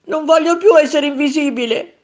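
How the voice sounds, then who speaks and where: A lonely little boy in a storybook, high and crying out, his voice leaping up and down wildly, as a woman puts him on. He calls out eagerly and pleads to be seen. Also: big pitch swings, measured pace, a bit bright, full character voice. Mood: tearful. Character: anxious tearful young boy, invisible to everyone.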